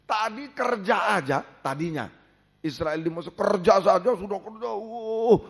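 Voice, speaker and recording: A man preaching a sermon as a pastor in a church, fervent, with sudden shouts and repeated warnings. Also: high voice, normal speed, creaky, slightly rough. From Indonesia.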